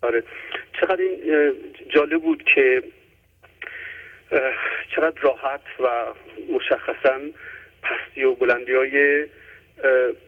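A man's voice: mid-range voice, steady tone, pauses often. Hesitant man on a tinny phone line. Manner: hesitant, many filler sounds. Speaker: caller. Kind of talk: casual call-in chat.

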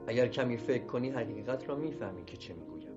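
A man's voice: medium pitch, expressive, pitched above the performer's own voice, lightly acted. Sad cryptic wife, read by a man. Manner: quiet and sorrowful. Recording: dull lo-fi recording with music beneath.

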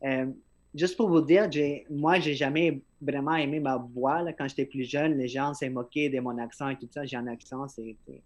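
A man's voice: medium pitch, steady tone, normal speed, a little mellow. A man hosting a podcast, talking casually and earnestly, often stumbling and repeating his words. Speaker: podcast host. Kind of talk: casual conversation.

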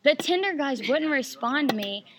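A woman's voice: high voice, animated, normal speed. A young woman, a podcast guest rambling through a beach-trip story with lots of "um" and "like". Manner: rambling, filler-heavy. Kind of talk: casual storytelling chat.

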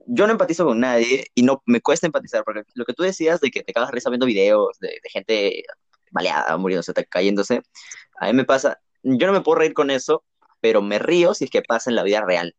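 A man's voice: mid-range voice, lively intonation, a little fast, no echo. A young man in casual chat, talking reflectively and telling a rambling personal story with many restarts. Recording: dull, muffled sound.

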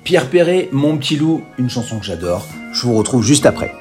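A man hosts a food programme on the radio in a relaxed, conversational way. His voice is warm and mellow, and he slips in gentle, playful irony while guiding listeners step by step. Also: mid-range voice, a little fast, soft background music. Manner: chatty, playfully ironic. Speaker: radio host. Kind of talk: casual radio food talk with recipe.

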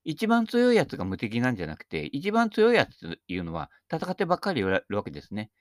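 An older man missing his front teeth, who gives talks on Buddhist sayings, delivers a casual, humorous, rambling monologue that's chatty and self-deprecating. His medium-pitched voice swoops wildly and moves fast, in a dry, clean studio recording.

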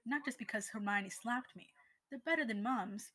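A woman doing Ron Weasley, gruff and mumbling. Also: a little high, normal speed, sharp tone. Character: Ron Weasley, blunt hungry young man.

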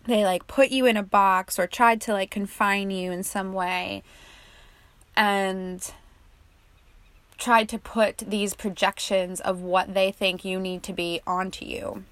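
A young woman guiding a meditation and reflecting on her own experience in a soft, calm, casual way. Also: mid-range voice, slow, no echo. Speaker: meditation guide. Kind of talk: guided meditation and personal reflection.

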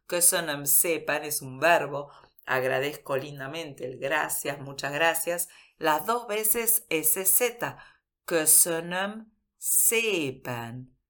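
A woman's voice: deep voice, fairly bright tone. A woman teaching Hungarian pronunciation on a radio show, patiently repeating words and checking with the listener. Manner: patient, repeats words slowly, asks "¿no?" often. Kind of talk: radio language lesson.

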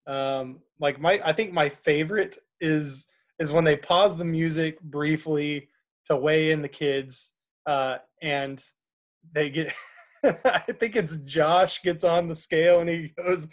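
Relaxed man hosting a movie podcast. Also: a little high, slow pace. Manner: relaxed, with frequent fillers and laughs. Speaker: podcast host. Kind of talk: casual movie chat.

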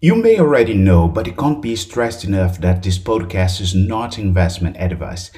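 A man's voice: deep voice, sing-song, moderate pace, dark tone. A man who hosts a podcast, reading a scripted legal disclaimer in a formal, emphatic manner. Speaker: podcast host.

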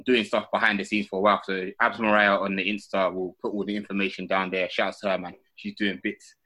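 A man's voice: on the low side, pushed and bright, low-quality recording. A man with a London roadman accent hosting a casual podcast chat, talking in street slang. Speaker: podcast host.

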